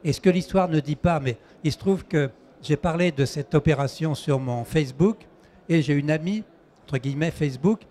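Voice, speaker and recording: A man's voice: fairly high pitch, moderate pace, warm tone. A man moderating a panel discussion, posing questions hesitantly and restarting his sentences.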